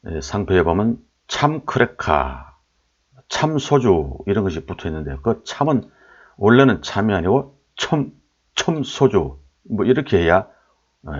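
A man's voice: low-pitched, sing-song, normal speed, a little mellow, husky, dull audio. A man giving a lecture, explaining old pronunciations, repeating sample syllables aloud and asking his listeners rhetorical questions.

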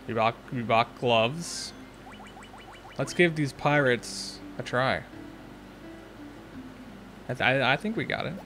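A man's voice: medium pitch, slow, pauses often, a bit bright, soft background music. A young man hosting a let's play, thinking aloud in casual, chatty commentary.

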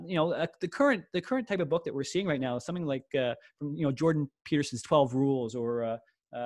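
This man in his forties hosts a friendly podcast interview by video call, speaking quickly and eagerly and leaning on fillers. His voice is a little high with a darkish tone, recorded with clean studio sound and no room sound.

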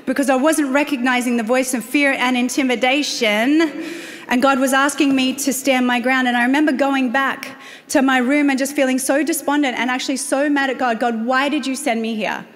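An Australian woman pastor preaching a sermon, telling stories with self-deprecating humor. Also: high-pitched. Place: church auditorium. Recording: long reverb of a large hall.

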